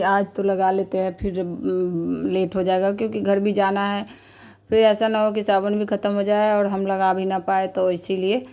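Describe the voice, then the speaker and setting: Female vlogger in her thirties, casual and repetitive, speaks in a flat, even tone. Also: mid-range voice. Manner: chatty, repetitive, heartfelt. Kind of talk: casual vlog narration.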